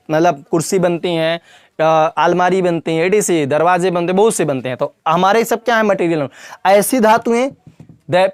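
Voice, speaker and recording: A man's voice: high voice, clean tone, dry recording. Chatty man teaching grammar, dry sound. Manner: repetitive, quizzing the viewer with questions; calls the viewer "brother" and "child". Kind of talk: classroom lesson.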